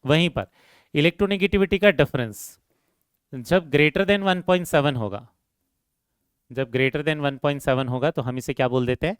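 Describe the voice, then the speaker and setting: A man's voice: a little high, a little slow, pauses often, smooth, no echo, studio quality. A man teaching a chemistry lecture who asks the class questions and answers them himself, repeats key terms and calls his students "beta".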